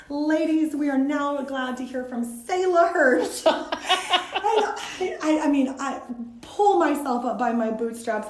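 A woman guest in a conversation, telling a story in an animated, self-mocking way and laughing often. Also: sits high, reverberant, a little hiss or hum. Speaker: guest speaker from a women's ministry.

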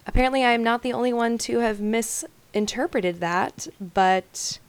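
A woman's voice: fairly high pitch, measured pace, clean tone, dry recording. Giggly young woman co-hosting a podcast. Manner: giggly, chatty, lots of laughter. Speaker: podcast co-host. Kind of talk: casual chat.

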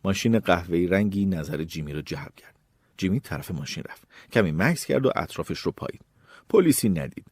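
Male audiobook narrator: low, breathy voice with a lively, expressive read; dry close sound. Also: no echo. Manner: expressive storytelling. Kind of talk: scripted narration.

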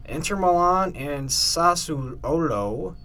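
A man's voice: on the high side, expressive, takes it slowly, pushed and bright. A man co-hosting a casual sports podcast, reading out weekend match scores with jokey asides. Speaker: podcast co-host.

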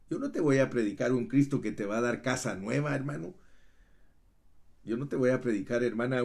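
Male pastor, mid-pitched voice, impassioned sermon delivery with loud and soft swings. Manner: fervent preaching, often addressing listeners as brother; swings between loud emphatic runs and soft hushed asides.

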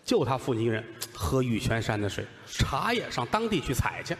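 Beijing man telling a comic tale in a hall. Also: medium pitch. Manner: lively comic narration with drawn-out punchlines. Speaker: lead crosstalk comedian. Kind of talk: comic crosstalk storytelling.

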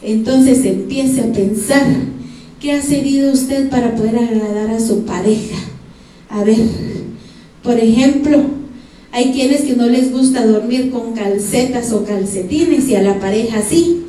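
A woman's voice: on the high side, measured pace, dark tone, slight background noise. A woman with a Guatemalan Spanish accent preaching a sermon in a church, speaking straight to the congregation and asking them for examples. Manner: addresses the congregation directly, asks them for examples. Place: church sanctuary. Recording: echoey church hall from far off.

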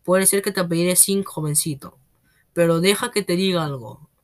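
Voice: medium pitch, moderate pace, lightly acted. A reader voicing a bullying, tyrannical headmistress who roars and scorns in a read-aloud storybook. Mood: scornful. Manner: roaring, scornful.

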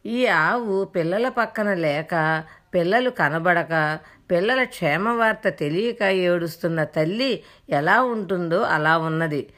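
A woman's voice: on the low side, slow pace, fairly bright tone. A woman giving an earnest, explanatory devotional discourse, retelling a scripture story with quoted dialogue. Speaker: spiritual storyteller.

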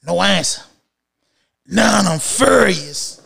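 A middle-aged man recounts his own past in a loose, slangy storytime. His voice sits high for a man and stays animated, with sudden loud bursts that drop back into low mutters. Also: takes it slowly, creaky, husky. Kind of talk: casual storytime.

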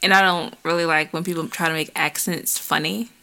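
A young woman co-hosting a casual podcast chat. She keeps her replies short and dry. Her voice has a bright, crisp tone. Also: low-pitched, steady tone, fairly quick. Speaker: podcast co-host.

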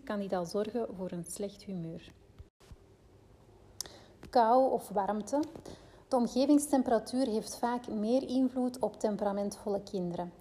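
A woman's voice: a little high, warm tone, slight background noise. A woman with a Flemish accent reading aloud from a parenting book and breaking off into loose personal asides full of fillers. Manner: reads steadily, then rambles with fillers in her own asides.

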